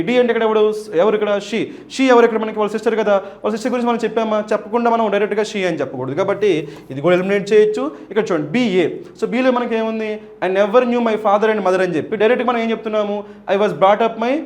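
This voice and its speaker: A man explaining exam questions in a lecture, checking with his students again and again and reading English sentences slowly. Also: high-pitched, a little mellow. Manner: switches between Telugu explanation and slowly read English sentences. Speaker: English teacher for competitive exams.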